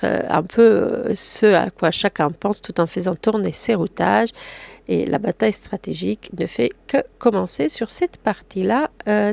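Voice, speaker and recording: A woman with a French accent hosting a casual sailing news roundup, talking fast with many fillers and restarts. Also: mid-range voice, creaky, darkish tone, dry recording. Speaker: sailing news video host.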